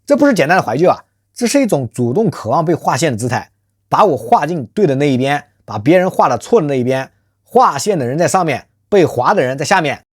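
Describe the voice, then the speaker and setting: Here a channel host speaks fast in a medium-pitched, slightly rough voice with wide pitch swings, working through a scripted social commentary monologue. Emphatic and rhetorical, it's peppered with questions to listeners, and the host calls themselves by a nickname in third person. The studio recording is clean, with no echo.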